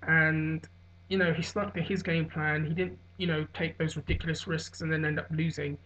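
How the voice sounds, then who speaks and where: A hungover man giving a casual, rambling solo recap as a vlogger, musing and hesitant with trailing pauses. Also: on the high side, little pitch movement, pushed and bright, a little hiss or hum. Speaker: vlogger giving fight commentary. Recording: dull, lo-fi sound.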